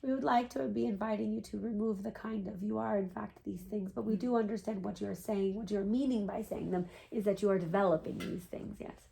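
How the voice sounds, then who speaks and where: A woman's voice: mid-range voice, fairly even intonation, a little fast, vocal fry, hardly any pauses, warm tone, poor audio. A woman as a seance medium voicing a patient, knowing spirit guide, with formal stilted phrasing and frequent questioning tags. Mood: gently correcting. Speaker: trance channeler answering a client's questions. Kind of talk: seance medium channeling session.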